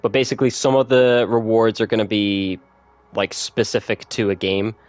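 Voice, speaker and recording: Man, streamer, casual gaming chat, laid-back, laughs a lot, slightly low voice. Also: moderate pace, no echo. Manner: relaxed, chatty, laughs often, reads notes aloud.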